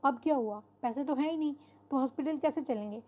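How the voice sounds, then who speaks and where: A woman's voice: high-pitched, a little fast, dull audio. A woman teacher giving an online lecture, explaining steadily and mixing English terms into her speech with frequent fillers.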